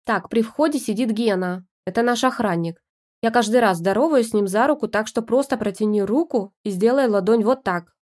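Woman reading as a gruff husband, snappish, bossy, loud, a bit higher. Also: fairly quick, lightly acted. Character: gruff irritable husband barking orders.

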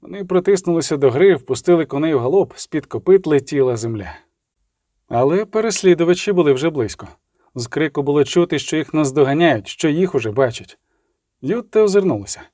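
A man narrates an audiobook in a steady, measured dramatic manner. His voice sits a little higher than most men's. The sound is close and dry, with no room echo.

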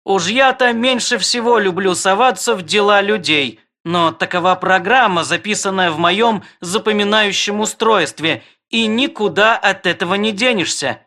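A man voicing a fussy male wedding robot with a creaky, metallic, barking voice, pedantic and long-winded, in an audiobook. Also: high-pitched, normal speed, few pauses, pushed and bright, voice pushed up. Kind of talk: audiobook character voice.

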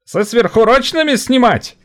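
A man voices a caustic male textile worker talking back in an audiobook, sarcastic in manner. He pitches his voice far above his own, to an extremely high register, with lively intonation at a moderate pace.

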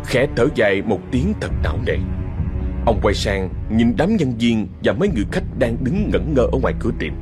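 A man with a Southern Vietnamese accent narrating a horror story in a measured, ominous way. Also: medium pitch, very animated, music in the background.

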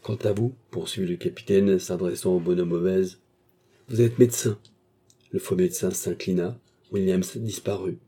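A man narrating a classic novel in a measured storytelling manner. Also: deep voice, warm tone, breathy edge. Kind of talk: audiobook narration.

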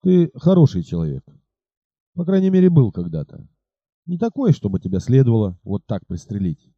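A man's voice: mid-range voice, wildly swooping pitch, moderate pace, dry recording, dull audio. A man voicing a bold noble horseman in an audiobook, firm and declamatory. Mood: calming. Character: bold noble male horseman, commanding gentleman.

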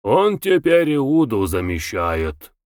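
A village deacon reciting folk verse slowly and deliberately, in a lively, rising and falling voice, as a male narrator puts him on. It is an audiobook figure with a dry, close sound. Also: mid-range voice, dry recording. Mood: recitative. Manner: measured recitation.

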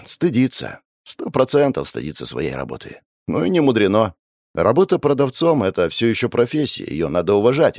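A man's voice: fairly low pitch, darkish tone, no echo. A man narrating an audiobook in the first person, with a wry, sardonic inner monologue on a close mic.

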